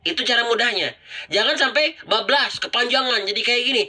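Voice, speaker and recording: A man's voice: extremely high pitch, bright, forceful tone. A man teaching Quran recitation on a live stream, chatty and talking straight to his viewers, stretching out sounds to demonstrate them again and again. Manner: repetitive, drawn-out pronunciation demonstrations; chatty, addresses viewers directly. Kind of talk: live-streamed tajwid lesson.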